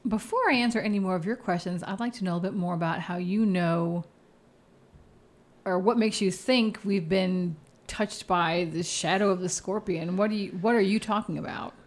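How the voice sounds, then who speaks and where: A woman playing a tabletop role-playing game, animated and inquisitive, quick to laugh. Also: on the low side. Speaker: player. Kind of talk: tabletop role-play chat.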